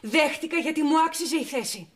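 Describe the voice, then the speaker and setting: A woman's voice: high-pitched, close to an everyday voice. An actress playing a determined woman magazine editor who defends her promotion in a firm, self-justifying way. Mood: defiant. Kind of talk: TV soap drama acting.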